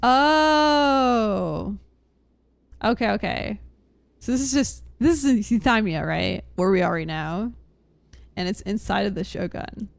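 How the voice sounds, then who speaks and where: Faint game music plays under a young female streamer's casual live commentary as she meanders and talks through her thoughts. She speaks slowly at a medium pitch, her voice gravelly and free of room sound.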